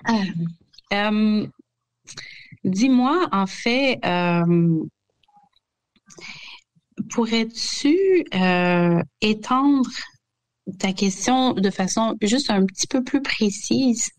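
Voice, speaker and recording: A woman's voice: medium pitch, lively intonation, very slow, pauses often. A woman, a historian guest on a radio show, talking casually while sick with bronchitis, hesitant with many fillers and restarts.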